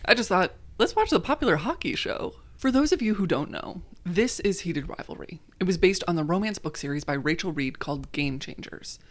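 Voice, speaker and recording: A woman's voice: lowish voice, animated, a little fast, few pauses. A woman from the United States narrating a scripted video essay in a conversational, wry way, dropping in joking self-corrections.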